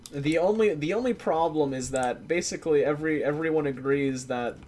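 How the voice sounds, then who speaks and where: Brisk and fairly high-pitched, this male streamer of Eastern European background gives easygoing commentary on his gameplay. He talks with his viewers while playing, letting the occasional swear word slip.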